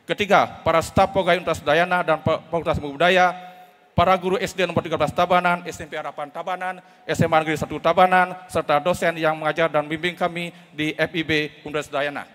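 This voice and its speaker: A middle-aged man, giving a formal, measured academic oration as a professor at a podium microphone. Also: on the high side, fairly even intonation, fairly bright tone. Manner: formal, measured, reads prepared speech. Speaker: professor giving inaugural lecture. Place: large auditorium. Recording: reverberant auditorium hall.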